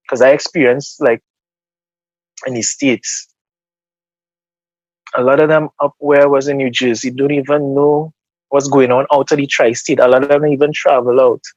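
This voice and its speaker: In this muffled but echo-free recording, a Trinidadian man from Trinidad and Tobago speaks as an interview guest in a medium-pitched, slightly mellow voice. His manner is casual and earnest, and he tends to repeat words as he collects his thoughts.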